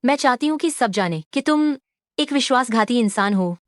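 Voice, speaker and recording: A woman's voice: a little high, expressive, normal speed, no echo, close to an everyday voice. A woman voicing a young woman who was betrayed, pleading and accusing in turn. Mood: hurt defiant. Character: young woman, wronged, defiant and desperate. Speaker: dubbing actor. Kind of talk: Hindi dub of a short drama.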